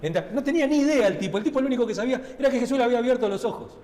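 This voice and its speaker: A pastor with a Rioplatense Spanish accent delivers a sermon in a high, expressive, dark-toned voice at very fast speed. He preaches conversationally, constantly tossing in tag questions to check in with listeners, while the church sanctuary adds a long hall reverb.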